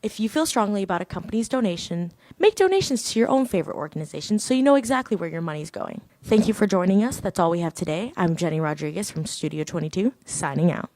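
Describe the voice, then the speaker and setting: A woman's voice: lowish voice, animated, fast, few pauses, darkish tone, dry recording. Girl reading a school news report, dry close sound.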